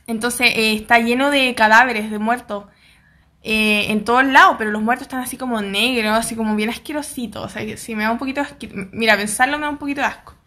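A woman's voice: a little high, fairly even intonation, fast, pushed and bright. A young Chilean woman with a Chilean accent, casually retelling a drama's plot in a chatty way and acting out the characters' lines. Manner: chatty, acts out characters' lines, slangy asides.

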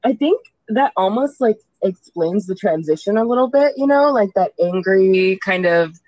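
A woman's voice: mid-range voice, lively intonation, normal speed, darkish tone, no room sound, lo-fi sound. A young woman from Southern California co-hosting a podcast, talking in a loose, rambling way full of "um" and "like.". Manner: loose, rambling, filler-heavy with frequent 'um' and 'like'. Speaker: podcast co-host. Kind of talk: casual chat.

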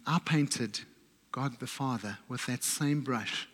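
A man preaching a sermon, telling a personal story in a reflective way and often dropping his voice low and soft. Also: slow, husky, in a large hall. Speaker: pastor. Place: church.

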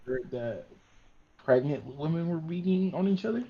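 A man's voice: fairly high pitch, expressive, moderate pace, a little hiss or hum. A young man chatting casually on a voice call, his voice coming through muffled, as if from behind a wall. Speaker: friend on a voice call. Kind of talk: casual chat. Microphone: voice call mic without headphones. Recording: dull, muffled call mic.

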